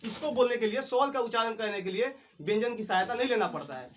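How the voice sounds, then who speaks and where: High-voiced teacher quizzing a class. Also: male voice, fast, a bit bright, a little hiss or hum. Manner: drills the class with call-and-response questions. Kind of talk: classroom lesson. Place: classroom with students.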